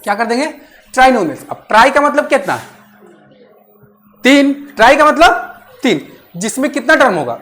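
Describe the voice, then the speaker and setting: A woman teaching maths in class. She keeps checking that students understand and repeats phrases slowly while dictating. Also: high voice, big pitch swings, a bit bright.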